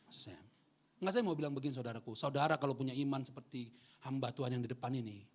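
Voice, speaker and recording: A male pastor, preaching a sermon in a church hall. He jokes with the congregation and swings between loud preaching and quiet asides. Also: mid-range voice, fast. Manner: animated, joking with the congregation.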